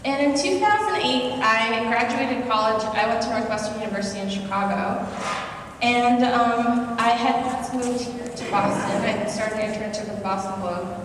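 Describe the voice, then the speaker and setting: A woman's voice: on the high side, moderate pace, background noise. A woman in her twenties who grew up in Singapore and speaks with an American accent, telling a personal story at a conference in a conversational, self-deprecating way. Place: lecture hall at a conference. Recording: echoey hall, voice from far off.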